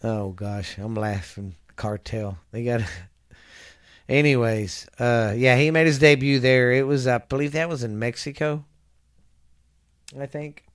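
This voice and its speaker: A man's voice: mid-range voice, measured pace, pauses often, clear, resonant tone, no room sound, studio quality. A man hosting a casual podcast, reading a wrestling history recap from notes, often stumbling over names, correcting himself and chuckling at his slips. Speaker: podcast host.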